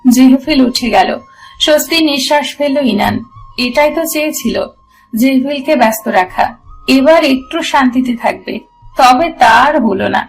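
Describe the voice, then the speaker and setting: A woman narrating a romance audio story in a steady storytelling manner. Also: high voice, moderate pace, gravelly, soft background music, low-quality recording.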